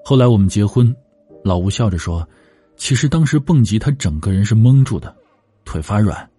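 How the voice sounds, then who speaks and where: A man narrating a heartfelt true story in a soft, expressive way. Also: lowish voice, normal speed, slightly rough, soft background music.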